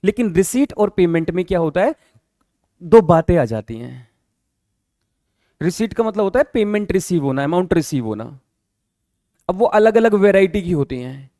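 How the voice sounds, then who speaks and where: High-voiced man teaching accounting, dry sound. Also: expressive, normal speed, long pauses, mellow, no room sound. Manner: explains patiently, repeats key terms, quizzes listeners with checking questions. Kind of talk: classroom lecture.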